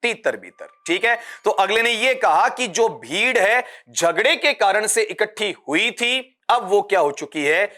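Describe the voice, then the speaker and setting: A man's voice: high-pitched, very animated, measured pace, pushed and bright. A man teaches an exam-prep grammar lesson. He talks straight to his students, calling them "beta". He asks question after question and answers each one himself.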